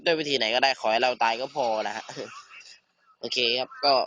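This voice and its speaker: A teenage man giving casual, excitable commentary over a survival game, swearing and bantering with a friend. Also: medium pitch, moderate pace, slight background noise. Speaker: gamer.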